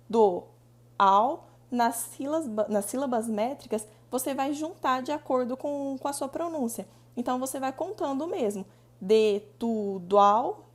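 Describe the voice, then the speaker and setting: A woman with a Brazilian Portuguese accent giving a recorded class, her voice sitting a little high. She explains step by step, restarting phrases and stretching out syllables as she counts them aloud. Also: darkish tone. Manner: explanatory, repeats points, drawn-out syllable counting. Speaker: teacher. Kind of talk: recorded online lesson.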